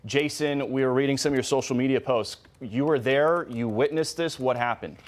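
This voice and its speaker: A man co-anchoring live breaking news, steady and explanatory. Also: mid-range voice, normal speed.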